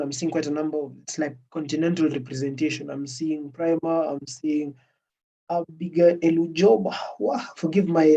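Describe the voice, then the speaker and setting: A man's voice: on the high side, dark tone. A man with an East African accent gives hesitant closing remarks as a workshop organizer on a video call. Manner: hesitant, many fillers. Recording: muffled distant online call audio.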